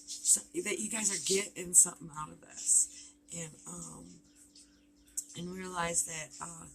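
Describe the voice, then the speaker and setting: A woman's voice: on the low side, vocal fry, bright, forceful tone, a little hiss or hum, low-quality recording. Older woman rambling with endless "you know"s. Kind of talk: casual motivational talk.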